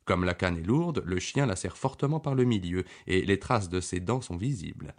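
A man's voice: deep voice, expressive, normal speed. A man voicing a self-assured, lecturing detective. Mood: deducing. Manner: confident, deductive, lecturing.

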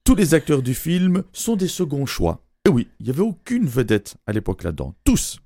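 A man's voice: medium pitch, big pitch swings, normal speed, warm tone, no echo, studio quality. A man giving a humorous radio chronicle, teasing and joking, laughing between his lines. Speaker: radio columnist.

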